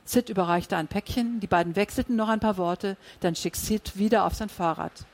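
A reader narrating a crime story in an audiobook, with steady storytelling. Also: male voice, high-pitched, fairly quick. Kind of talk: scripted narration.

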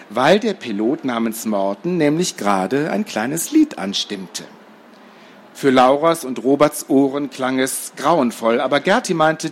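A man reads a children's storybook aloud with a lively, animated delivery that rises and falls freely. His pitch sits in the middle. A faint hum of room sound runs underneath. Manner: lively, expressive reading. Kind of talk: reading a children's book aloud.

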